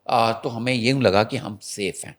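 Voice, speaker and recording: Talk show reporter, male, animated storyteller, mid-pitched voice, speaks straight to the viewers.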